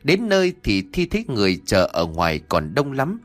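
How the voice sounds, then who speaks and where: A man narrating a ghost story in an expressive storytelling manner. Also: medium pitch, normal speed. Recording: faint background music.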